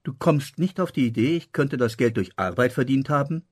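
A man's voice: mid-range voice, animated, normal speed, no echo, lightly acted. A reserved male guest dodges questions in a guarded way, voiced by a male narrator. The voice stays close to the narrator's own. It is a dry, close recording. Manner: guarded, evasive. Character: reserved male guest, a father searching, evasive.

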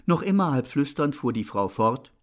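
This audiobook narrator, a man, voices a novel in scripted narration. He keeps his mid-range voice steady and measured, telling the story evenly.

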